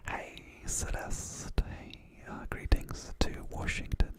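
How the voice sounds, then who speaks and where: Speaking slowly, this ASMR streamer whispers gently from a room in her home, meandering at ease as she reads out messages from viewers.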